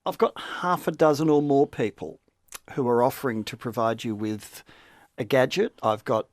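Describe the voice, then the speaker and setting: A man's voice: medium pitch, moderate pace, no echo. An Australian man hosting talkback radio, talking in an easy, sympathetic way. His voice sits in a mid register, recorded close and dry in a studio. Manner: sympathetic, conversational, addresses caller by name. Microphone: studio microphone.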